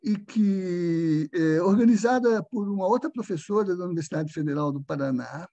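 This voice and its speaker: Over a video call, an older Brazilian man delivers an academic lecture in a high-pitched, mellow voice. His speech is slow and hesitant, full of fillers.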